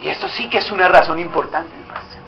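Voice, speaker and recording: A man's voice: on the high side, fast talker, dull audio, a little hiss or hum. A male pastor preaching a sermon, exhorting the congregation with direct questions, recorded in a church hall.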